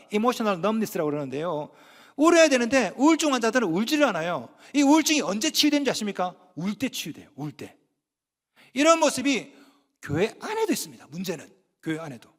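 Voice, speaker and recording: A man preaching a sermon as pastor in a church, lively and joking, acting out scolding voices. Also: very high-pitched. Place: church sanctuary. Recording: reverberant church hall.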